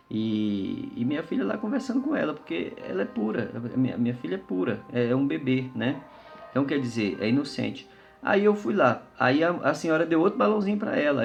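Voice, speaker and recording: A man's voice: fairly high pitch, creaky. A man giving an informal, conversational sermon as a lay preacher, telling a personal story with many fillers and tag questions.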